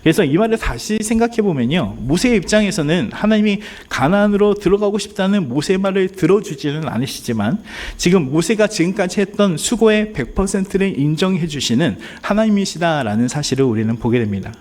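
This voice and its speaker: A man's voice: sits high, animated, fairly quick, hardly any pauses, a little mellow. A man preaching a sermon as pastor, earnest and speaking straight to the congregation, at times acting out pleading prayers. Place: church sanctuary.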